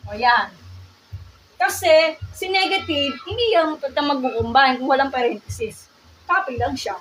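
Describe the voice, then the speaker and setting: Filipino woman math teacher, high and loud, emphatic, on a phone mic set back a bit, faint room noise. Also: unhurried, recorded from a distance, low-quality recording. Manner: loud and emphatic, repeats checks like "gets?" and "ha?". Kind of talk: live-streamed math lesson.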